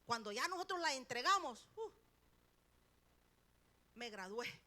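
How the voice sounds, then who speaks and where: A middle-aged woman preaches from the pulpit, her voice high and bright with a sharp edge. She presses her points hard, jumping from loud emphasis to hushed lines. She keeps turning to the congregation with questions. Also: sing-song, measured pace. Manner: emphatic, swings between loud peaks and quiet drops, rhetorical questions. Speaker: preacher, pastor's wife. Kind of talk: sermon. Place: church sanctuary.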